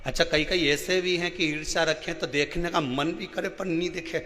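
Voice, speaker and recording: High bright-voiced man preaching in a hall. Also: fairly even intonation, moderate pace, faint music behind. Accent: central Indian Hindi. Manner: storytelling with acted dialogue, swings between soft and loud. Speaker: preacher telling a scripture story. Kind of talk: sermon.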